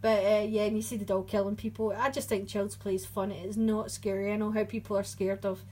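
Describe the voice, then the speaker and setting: A woman's voice: medium pitch, little pitch movement, fairly quick, dark tone, slight background noise, rough recording. A woman co-hosting a casual podcast chat, chatty and often searching for her words. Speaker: podcast co-host. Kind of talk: casual chat about horror movies.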